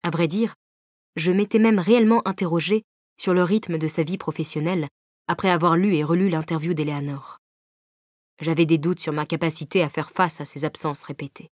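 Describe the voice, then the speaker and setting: A woman reading a novel aloud in the first person, measured and even, at a close microphone. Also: deep voice, no echo. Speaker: audiobook narrator. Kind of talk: scripted audiobook narration. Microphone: close studio microphone.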